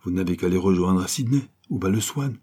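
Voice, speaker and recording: Guy doing a chatty dockside local, high and eager, bit husky underneath. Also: a little fast, warm tone. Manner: eager, pitched up. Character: friendly chatty male harbor local with a pipe.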